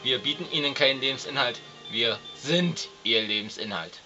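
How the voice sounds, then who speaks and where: A man hosting a satirical magazine show, reading absurd news in a deadpan, mock-serious manner on a dull recording. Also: mid-range voice, moderate pace, over music. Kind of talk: mock news presenting, scripted narration.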